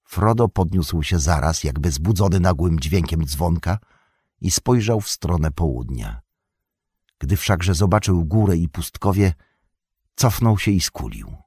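A man narrating an audiobook in a measured, solemn reading voice. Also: deep voice, lively intonation, darkish tone, husky, no echo, clean studio sound.

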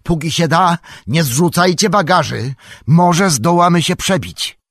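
A man's voice: deep voice, expressive, moderate pace, slightly rough, dry recording, studio quality, full character voice. A man voicing a bold warrior who gives urgent orders in an audiobook reading.

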